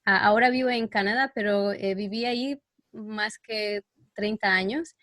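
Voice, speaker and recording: A woman's voice: mid-range voice, normal speed, fairly bright tone, no room sound. Hesitant middle-aged woman from El Salvador. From El Salvador, raised in New York. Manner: hesitant, frequent fillers, searches for words. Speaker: guest expert. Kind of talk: casual podcast interview.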